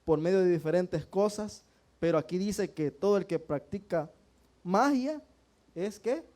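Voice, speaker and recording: A man's voice: sits high, animated, unhurried, darkish tone. A man preaching a sermon in church, often turning to his congregation with questions and calling them brothers. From El Salvador.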